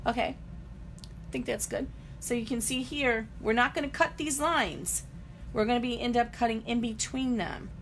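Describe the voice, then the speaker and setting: A woman's voice: on the high side, normal speed, slight background noise. A woman giving a chatty live-stream embroidery demonstration, greeting viewers and talking through each step as she works.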